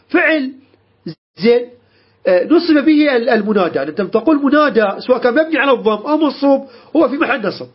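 Husky man teaching grammar. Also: very high-pitched. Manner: repeats key terms, stumbles and restarts, checks understanding. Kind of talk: classroom lecture. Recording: dull lo-fi recording.

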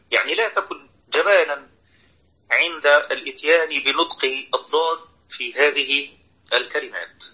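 A husky-voiced man with an Egyptian accent leads an online lesson on Quran recitation, explaining patiently and checking in with his students. His tone is sharp and bright. The audio is dull and lo-fi, like a compressed online call. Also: mid-range voice. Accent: Egyptian Arabic. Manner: explanatory, checks in with listeners often. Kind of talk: online class lecture.

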